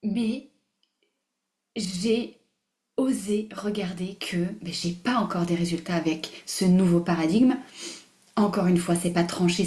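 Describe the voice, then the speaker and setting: A woman hosting a live online masterclass, animated and emphatic, repeating phrases, mixing in English words and laughing often. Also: mid-range voice. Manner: mixes English words into her speech. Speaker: masterclass host. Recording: roomy echo.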